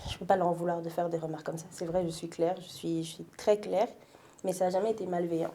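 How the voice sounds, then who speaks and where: Young woman guest from France, low and mellow, reflective, hesitant. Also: fairly even intonation, fast talker. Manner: reflective, hesitant with many fillers. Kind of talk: casual interview chat.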